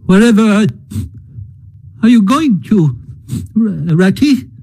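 A man's voice: very high-pitched, lively intonation, a little slow, mellow, pitched above the performer's own voice, heavily acted. A man reading aloud and voicing a small, timid male mole who is crying, stammering and pleading. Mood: tearful pleading.

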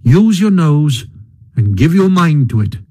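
A man's voice: on the high side, big pitch swings, unhurried, warm tone. A man reading aloud and voicing a hearty, kindly male water rat who urges on his friend. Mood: hearty, brisk. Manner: hearty, bossy, cheering.

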